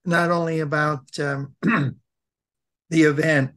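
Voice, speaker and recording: Halting American man with a sore throat. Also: on the high side, little pitch movement, fairly bright tone. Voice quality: thick sore-throat voice with frequent throat clearing. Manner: halting, hesitant, with many pauses and repeats. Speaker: co-host of a web program. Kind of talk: informal presenting and reading aloud.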